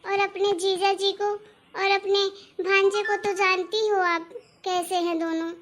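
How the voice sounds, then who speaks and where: A woman's voice: very high voice, flat delivery, unhurried, a bit bright. A woman voicing a nagging middle-aged mother-in-law in a cartoon story, complaining and dramatic. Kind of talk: cartoon voice acting.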